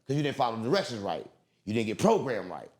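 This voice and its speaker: Here a man speaks quickly in a medium-pitched, darkish, very animated voice. Interviewed, he rambles on conspiratorially, swearing, using street slang, and emphatically repeating himself.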